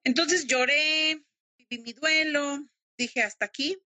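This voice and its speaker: A woman's voice: high-pitched, slow, pushed and bright, dry recording. A middle-aged woman with a Mexican accent, telling her story emotionally and animatedly as a guest in a casual interview. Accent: Mexican Spanish. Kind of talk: casual interview over video call.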